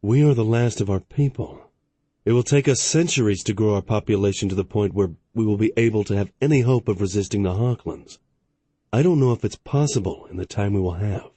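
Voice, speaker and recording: A doubtful starship commander asks pointed questions and reports in a matter-of-fact tone, as a man narrating an audiobook voices him. The voice is low, dark and a little husky. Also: brisk, no echo. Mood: questioning.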